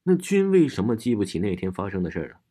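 A deep, husky male storyteller whose voice climbs and falls widely as he tells a spooky tale in the first person. He shifts between hushed, tense passages and sudden loud outbursts. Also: big pitch swings, fast. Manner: dramatic, swings from hushed to shouting. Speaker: ghost story narrator.

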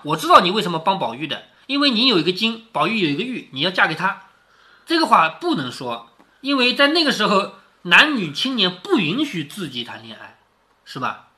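A middle-aged man reads a classic story aloud at home, breaking off to explain it in plain talk. His pitch swings widely as he asks rhetorical questions, and his tone is bright and forward. He sounds close to the mic. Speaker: storyteller reading a classic novel to his daughter. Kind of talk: casual read-aloud with commentary.

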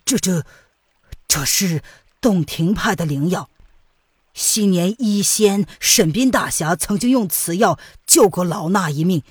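A woman puts on an old wounded monk from a martial-arts tale, stammering and strained. The voice is husky, pitched high, and swings widely in tone. It sounds close and dry. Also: expressive, unhurried, no room sound, heavily acted. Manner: stammering, pained. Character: old male Buddhist monk, wounded and shaken. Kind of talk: audiobook character voice.

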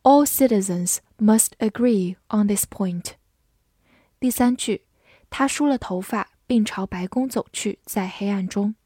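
A young woman teaching vocabulary in a recorded lesson, saying each English word twice clearly, then giving brisk explanations. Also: medium pitch, dark tone, no room sound, studio quality.

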